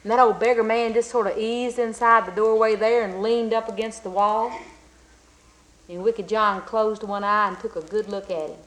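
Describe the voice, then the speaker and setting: A woman telling a folk tale in a folksy, drawn-out and emphatic way. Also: medium pitch, fairly even intonation, rough recording. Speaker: storyteller. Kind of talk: folk storytelling.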